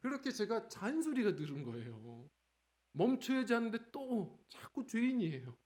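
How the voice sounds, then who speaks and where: Lively conversational Korean pastor preaching. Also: male voice, sits high, moderate pace. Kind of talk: sermon. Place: church sanctuary.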